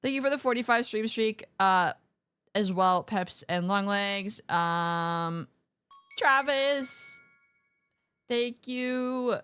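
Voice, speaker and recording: A woman hosting a casual livestream in a playful gamer-girl manner. Her voice is smooth and clear at a middling pitch, recorded close and dry. She hops between thoughts in slangy, scatterbrained chat with her viewers. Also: takes it slowly, a bit bright, no echo, soft background music. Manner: scatterbrained, self-interrupting. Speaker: livestreamer hosting an art stream.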